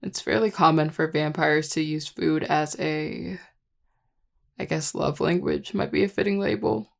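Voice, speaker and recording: A performer voicing a charming, affectionate vampire lover in an intimate audio role-play, teasing and tender in a relaxed, gravelly voice. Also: mid-range voice, measured pace. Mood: tender, reflective. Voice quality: gravelly, heavy vocal fry. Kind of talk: intimate audio role-play, one-sided dialogue to listener.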